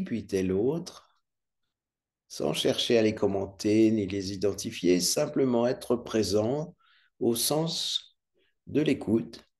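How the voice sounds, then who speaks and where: A man leading a guided meditation as a yoga nidra instructor, calm, soothing and unhurried, with long pauses. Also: fairly low pitch.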